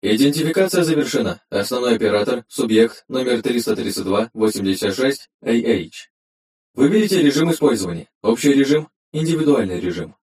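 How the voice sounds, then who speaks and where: Man doing a metallic robot AI lady, clipped reports, lively pitch, roomy echo. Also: a little fast. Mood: robotic. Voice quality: cold, clipped machine reports. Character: female AI assistant, obedient, flat and metallic. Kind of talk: audiobook reading.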